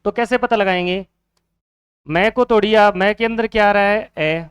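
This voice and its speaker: A man's voice: high voice, normal speed, fairly bright tone, smooth, no echo, clean studio sound. A man teaching a Hindi grammar lesson for exam students, asking questions and answering them himself, repeating each key word.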